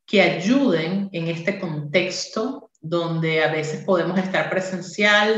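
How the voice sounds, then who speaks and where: This woman in her forties, a university English teacher whose first language is Spanish, leads a workshop in a warm, interactive online conference talk peppered with "eh." She speaks in a lowish register. The audio sounds dull and the room is echoey.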